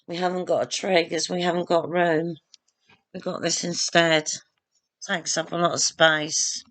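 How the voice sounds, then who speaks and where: A woman's voice: lowish voice, little pitch movement, unhurried, a bit bright. A woman chatting to her viewers at home, rambling and self-deprecating as she moves around the room with her phone camera. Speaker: vlogger. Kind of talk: casual chat to camera. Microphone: phone or laptop camera, not a proper webcam.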